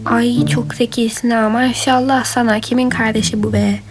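A woman voicing characters in a doll game role-play, lively and chatty, switching between them. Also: fairly high pitch, normal speed. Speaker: role-play video maker. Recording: background music.

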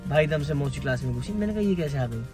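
A young man and vlogger telling stories from his school days to his viewers in a lively, chatty way that often breaks into laughter. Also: a little high, rapid-fire, over music. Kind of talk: casual storytelling to viewers.

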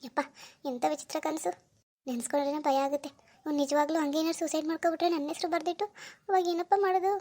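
A woman's voice: extremely high pitch, fairly even intonation, quick pace. A woman voicing a worried young village woman in a cartoon who mutters sadly to herself. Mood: gloomy. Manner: soft, gloomy muttering to herself. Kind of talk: cartoon voice acting.

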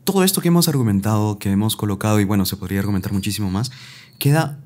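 Friendly podcast host with mellow voice. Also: male voice, lowish voice, animated, very fast. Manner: friendly, posing questions, light laughter between phrases. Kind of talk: podcast interview.

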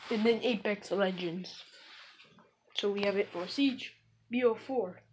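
Slow, rambling young woman gamer vlogger. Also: mid-range voice, a little hiss or hum, poor audio. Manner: jokey, offhand, calls viewers comrades in a mock Russian voice. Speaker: gaming channel host. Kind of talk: casual rambling vlog.

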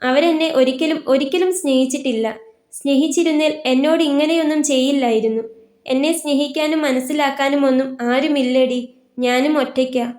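A woman's voice: high-pitched, fairly even intonation, brisk, darkish tone, natural voice. A woman voicing a heartbroken, lonely young woman in a tearful, pleading tone, in a roomy recording. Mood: hurt, bitter. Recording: roomy echo.

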